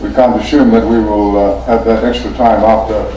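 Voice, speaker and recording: A man runs a formal meeting in a polite, measured voice, pausing often as he speaks. His tone is mellow. He sounds set back from the mic in an echoey conference room with a faint hum of ambience. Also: on the low side, flat delivery, recorded from a distance. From Fiji. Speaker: meeting chair.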